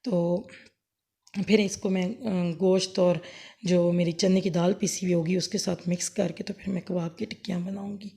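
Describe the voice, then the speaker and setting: Woman, hoarse sore throat, gravelly, mellow tone, rambling homely recipe chat. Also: on the low side, steady tone, moderate pace. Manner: homely, rambling, self-correcting explanations. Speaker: cooking vlogger. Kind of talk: casual cooking demonstration. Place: home kitchen, later outdoors under a fan.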